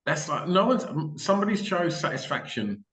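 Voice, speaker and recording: An English-accented man hosts a podcast, chatting enthusiastically and informally in a casual interview. His voice is fairly high with big pitch swings, a fairly quick pace, and a fairly bright tone. The room sounds echoey.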